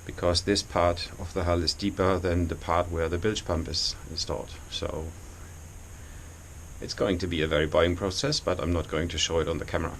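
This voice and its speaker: A very low-pitched man with non-native English talks through an informal video tour of his boat. His delivery is halting and explanatory. He is recorded in a small engine compartment, with clear noise behind the voice. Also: steady tone. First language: not English. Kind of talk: informal vlog walkthrough.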